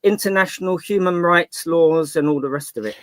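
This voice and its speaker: Pressing man with high, dry voice. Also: brisk, fairly bright tone, no room sound. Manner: pressing, hesitant with fillers. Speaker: interviewer. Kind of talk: confrontational questioning.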